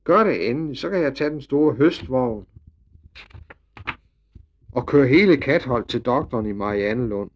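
A man voicing an angry farmer father who speaks loudly and sarcastically. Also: medium pitch, lively intonation, pauses often, muffled recording, natural voice. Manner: loud, sarcastic.

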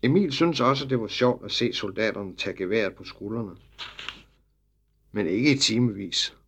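Man narrating a children's storybook. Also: a little hiss or hum. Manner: warm, lively storytelling, dropping low for tags. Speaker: audiobook narrator.

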